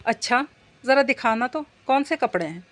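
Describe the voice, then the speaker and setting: A woman's voice: high voice, lively intonation, moderate pace, fairly bright tone. A woman as a sensible young daughter-in-law.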